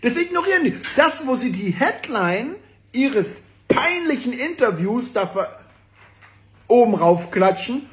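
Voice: mid-range voice, animated, takes it slowly, reverberant. A commentator reading out a newspaper article, mocking it in a sarcastic tone and talking straight to the audience. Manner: sarcastic and mocking, laughing at the text. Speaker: political commentator.

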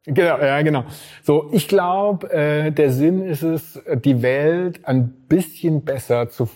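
A man's voice: a little high, slow, a little mellow. A man from Swabia, a startup investor talking casually as an interview guest, hesitant with many fillers. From Swabia, Germany.

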